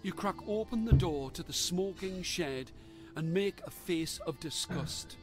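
A man reading a dark gamebook aloud in a slow, measured storytelling manner. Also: high-pitched, lively intonation, over music. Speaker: narrator.

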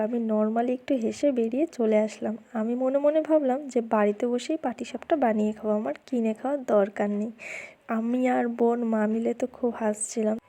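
Fast, chatty young woman vlogger. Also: on the high side, mellow. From West Bengal, India. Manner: chatty, repeats fillers while touring. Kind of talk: casual vlog narration. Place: outdoor food fair, evening.

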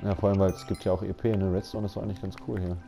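A man's voice: sits low, flat delivery, very fast, gravelly, mellow, soft background music. A man chatting casually while playing a game, slangy and laid-back, often saying "Alter". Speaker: Let's Play commentator. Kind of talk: casual gaming chat.

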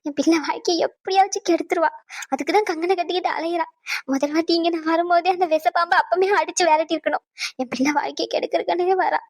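A woman's voice: very high-pitched, quick pace, a bit bright, no room sound, clean studio sound. A woman voicing an older mother-in-law in a cartoon family drama, wailing and accusing.

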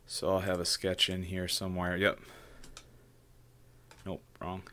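A man in his thirties talks through a modeling project from a small room at home, loose and unscripted, often restarting and checking in with "right?". His voice sits low yet sounds forward and crisp. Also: completely flat delivery, unhurried, a bit bright, a little hiss or hum. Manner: loose, thinking aloud with frequent "right?" and restarts. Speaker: maker demonstrating 3D modeling. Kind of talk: casual screen-share tutorial.

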